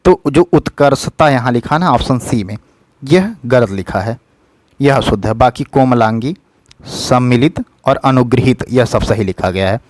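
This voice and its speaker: A man's voice: mid-range voice, animated, a little mellow, dry recording. Patient man tutoring Hindi spelling, dry close mic. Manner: patient, repeats the correct form slowly; says "thik hai" often. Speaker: exam tutor. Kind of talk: explaining Hindi spelling questions.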